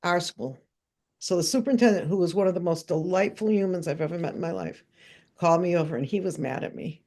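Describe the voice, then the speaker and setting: A woman's voice: on the low side, fast. An older woman from New Hampshire, a guest education consultant, telling stories in a podcast interview and acting out the voices she quotes. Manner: lively anecdotal storytelling, acting out quoted voices.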